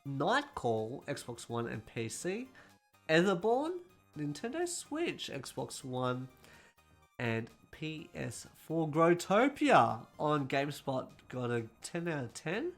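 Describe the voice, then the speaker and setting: Rambling quick-talking male gaming host. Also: a little high, wildly swooping pitch, fairly bright tone, soft background music. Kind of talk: casual gaming news roundup.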